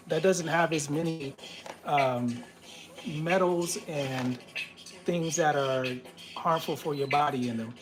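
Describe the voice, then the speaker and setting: A man hosting a live stream, narrating casually and haltingly while he cooks in his home kitchen. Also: a little high. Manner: halting, informal, thinking aloud. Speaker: host of a live cooking and health stream.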